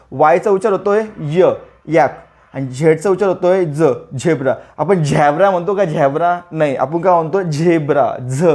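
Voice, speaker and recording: Brief: male teacher, high voice, drills letter sounds by repeating them slowly for kids. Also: darkish tone. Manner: repeats sounds slowly, asks and answers own questions. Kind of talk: phonics lesson for children.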